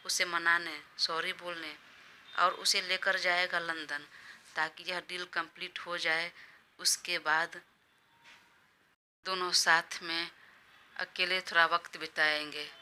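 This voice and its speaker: Low, flat-voiced woman storyteller. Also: a little hiss or hum. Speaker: narrator. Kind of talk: audio story narration.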